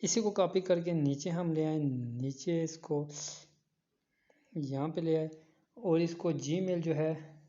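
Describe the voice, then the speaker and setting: A man walks through a photo-editing app step by step, going back over each instruction. His voice sits a little high, and the recording sounds dull and lo-fi, like a phone mic. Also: slow, long pauses, mellow. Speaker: online teacher. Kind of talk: screen-recorded app tutorial.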